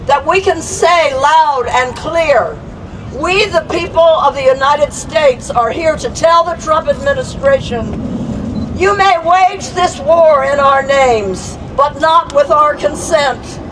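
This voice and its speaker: High-voiced woman orator, outdoor rally, heard from a distance with the crowd and street noise behind. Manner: impassioned, slow emphatic delivery. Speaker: rally speaker. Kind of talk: protest speech.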